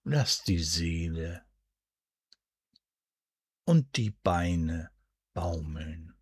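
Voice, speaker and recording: Male, deep and husky, near-whispered sleep hypnosis narration, soothing and unhurried, very dry close sound. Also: animated, no room sound. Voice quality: breathy, soft, at times near a whisper. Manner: soothing, hushed, deliberate, with drawn-out pauses. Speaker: hypnosis and relaxation guide.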